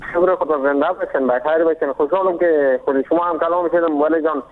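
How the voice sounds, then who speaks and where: A man's voice: on the high side, steady tone. A man calling in to a radio show, greeting everyone politely and formally before asking his question. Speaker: caller. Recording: tinny phone line.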